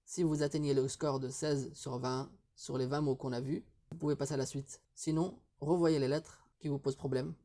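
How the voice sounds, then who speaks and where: A man's voice: mid-range voice, flat delivery, mellow. A man teaching reading in a recorded video lesson, drilling syllables one by one and patiently explaining pronunciation. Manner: slow, deliberate syllable-by-syllable drilling.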